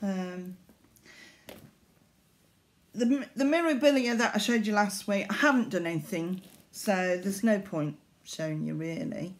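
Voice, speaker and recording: A middle-aged woman chats casually to the camera at a slow pace. Her voice sits at an average pitch, and she talks in a hesitant, rambling way. She is recorded indoors at arm's length in a small living room. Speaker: needlework vlogger.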